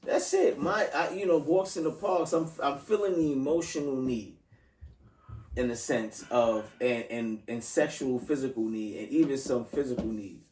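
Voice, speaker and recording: A man hosts a casual podcast chat, loose and slangy, often restarting his sentences. His medium-pitched, darkish voice runs at normal speed and sounds roomy, picked up from a distance off mic.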